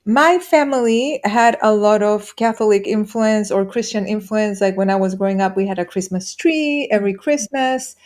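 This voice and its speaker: A woman from Chile speaks as a podcast guest, with a voice of ordinary pitch. Her talk is open and chatty, and she laughs easily as she speaks. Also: normal speed, few pauses, a little mellow. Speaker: podcast guest, spiritual teacher. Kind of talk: casual interview talk.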